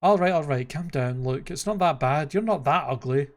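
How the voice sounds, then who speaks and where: A man voicing an excitable, chatty donkey sidekick from an animated fairy tale, talking in a colloquial, exclamatory way. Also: fairly high pitch, normal speed. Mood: reassuring.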